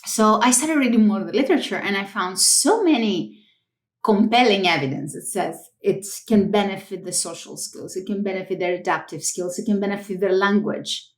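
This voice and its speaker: Woman, Greek accent, interview guest, animated storytelling, echoey room. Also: mid-range voice, fairly quick. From Greece. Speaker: guest researcher. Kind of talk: casual interview.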